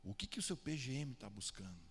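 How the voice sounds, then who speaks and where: A man's voice: medium pitch, big pitch swings, a little fast, creaky, a bit bright, slight background noise. A man preaching a sermon, firing questions at the congregation and calling on listeners by name. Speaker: pastor. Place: church hall. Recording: long church hall reverb.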